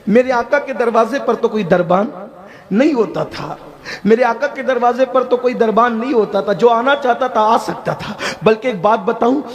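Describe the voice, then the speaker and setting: High-voiced preacher telling a story. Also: male voice. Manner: emotional, repetitive storytelling. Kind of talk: sermon.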